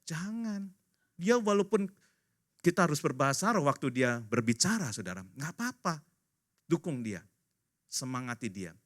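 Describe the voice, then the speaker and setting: A pastor in his fifties preaches into a stage microphone, his bright voice swinging widely in pitch. He keeps the sermon light, jokes with the congregation and acts out each person he quotes. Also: moderate pace, pauses often. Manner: animated storyteller, acting out quoted voices; casual, joking, addresses congregation directly. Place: church service.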